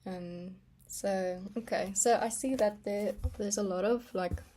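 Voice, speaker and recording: Sketching and stamping at her desk, a young Afrikaans-speaking artist chats loosely about her work in a vlog, peppering it with ums and little laughs. She has a steady, unhurried, dark mid-range voice, with a bit of hiss or hum in the recording.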